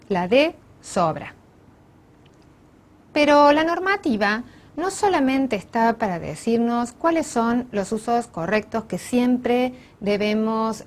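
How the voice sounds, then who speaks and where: A woman lecturing in a recorded online class, speaking at an ordinary mid pitch. She explains every point in a steady, careful way. Now and then she stops and corrects herself. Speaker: teacher.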